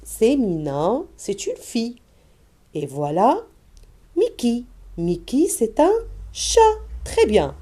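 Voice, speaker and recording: A woman teacher walking parents through an early reading lesson, modeling vowels and words slowly for children. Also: fairly high pitch, very animated, warm tone.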